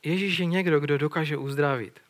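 A man preaching a sermon in an earnest way, retelling a scripture story and putting questions to his listeners. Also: on the high side.

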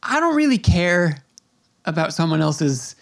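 A man's voice: fairly high pitch, big pitch swings, unhurried, creaky. A man hosting a casual interview podcast, asking questions hesitantly with many fillers. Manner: hesitant, many likes and ums. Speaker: podcast host.

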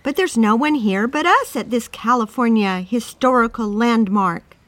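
An actress playing a chatty, teasing wife on a road trip in a radio drama. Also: female voice, on the high side, normal speed, no room sound, close to an everyday voice. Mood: playful. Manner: teasing, expressive.

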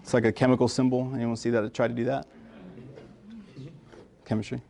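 Casual American pharmacist speaking to students. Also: male voice, mid-range voice, little pitch movement, a little fast, gravelly, dark tone. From United States. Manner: informal, many fillers and restarts. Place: lecture room.

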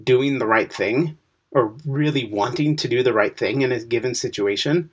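A man's voice: mid-range voice, moderate pace, lo-fi sound. A man co-hosting a podcast, explaining a Bible passage in casual discussion and posing questions to the listener. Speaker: podcast co-host.

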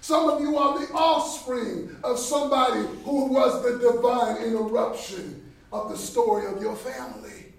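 Man, sermon, very high voice, big echoey hall, far from the mic, animated storytelling. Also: normal speed, gravelly. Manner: animated storytelling, shifts between shouting and quiet. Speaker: Bible study speaker. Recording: echoey hall, distant, faint noise.

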